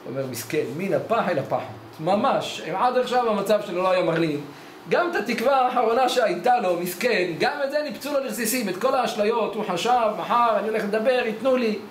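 A man's voice: high-pitched, expressive, slight background noise. A man, a rabbi, giving a storytelling sermon in a study hall and acting out the dialogue of his tale. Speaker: rabbi giving a weekly Torah lesson. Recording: echoey hall with faint ambience.

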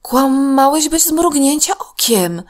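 A woman voicing a young girl in a children's storybook, high and lively as she questions her friend. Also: takes it slowly. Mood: amazed. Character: young girl, surprised and reproachful.

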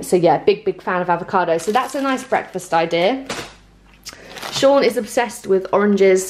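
A woman's voice: lowish voice, darkish tone. A young woman from England chatting casually in a vlog about her grocery haul, upbeat and full of fillers. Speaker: vlogger showing a grocery haul. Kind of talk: casual chat.

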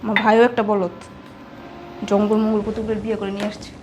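A woman's voice: medium pitch, flat delivery, fast talker, background noise, lightly acted. An actress playing a cruel, bossy woman who scolds and belittles a young maid. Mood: contemptuous. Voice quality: scolding, contemptuous. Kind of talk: Bangladeshi short drama acting.

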